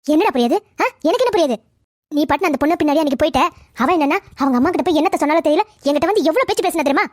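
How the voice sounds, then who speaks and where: A woman voicing a quarrelsome, defensive middle-aged mother in a cartoon family drama, talking fast and pleading. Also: animated, no echo, studio quality. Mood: aggrieved. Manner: rapid, shrill, pleading and quarrelsome.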